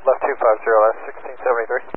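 A man speaking as an airline pilot over the radio, reading back clearances to air traffic control in clipped phrases. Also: medium pitch, flat delivery, very fast. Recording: tinny, noisy aircraft radio channel.

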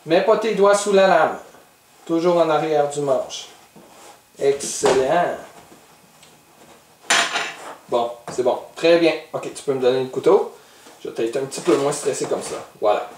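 A man's voice: a little high, moderate pace, pauses often, distant mic, noisy background. Québécois man hosting a kids' cooking lesson, teasing and patient, recorded from afar in an echoey room. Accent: Québécois French. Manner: playful, teasing, patiently instructive. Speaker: host of a kids' cooking show.

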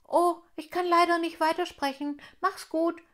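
A woman reading aloud, voicing a friendly, wise male water drop from a children's storybook in a raised, bright voice. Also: very high voice, level tone, normal speed, pitched above the performer's own voice.

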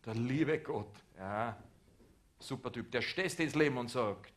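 A man's voice: medium pitch, measured pace. A man with an Austrian accent performing a sarcastic satirical monologue on a cabaret stage, ranting at the audience. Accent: Austrian German. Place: theater stage.

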